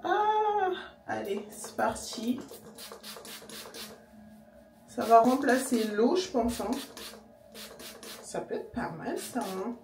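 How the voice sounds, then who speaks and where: A young woman chatting casually to camera in her vlog, slangy and relaxed, sometimes talking with her mouth full. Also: fairly high pitch, slow, pauses often, faint music behind. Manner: chatty, slangy, talks while eating. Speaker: vlogger. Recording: echoey room, voice a bit distant.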